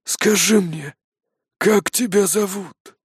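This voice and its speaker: A man voicing a very old, hunched, grey-haired man with a raspy, rustling voice, grave and quiet. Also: sits high, slow pace, dry recording, heavily acted. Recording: dry close studio audio.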